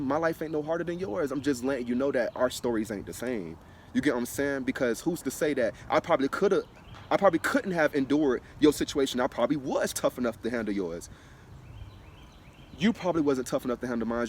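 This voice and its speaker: A man from Florida shares a personal spiritual testimony in an emphatic, repetitive way, often asking if you get what he's saying. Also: medium pitch. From Broward County, Florida. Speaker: spiritual vlogger. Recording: distant mic with faint street noise.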